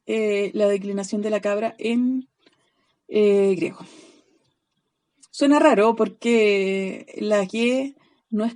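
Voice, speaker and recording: Woman, online class teacher, slow patient explaining, mellow voice. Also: mid-range voice. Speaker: Greek teacher.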